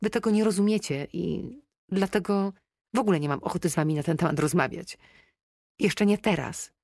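A woman's voice: lowish voice, fairly quick, gravelly, a little mellow, no room sound, studio quality. A woman reading an audiobook, voicing a heartbroken young woman who sounds tired and strained, sniffling through the call. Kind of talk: audiobook character voice.

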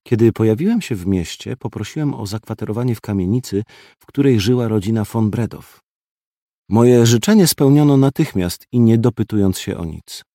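A man narrates an audiobook in the first person, gruff and terse in manner. His voice sits low and sounds dark and mellow. The recording is dry and close, with no room sound. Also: expressive, normal speed, no room sound.

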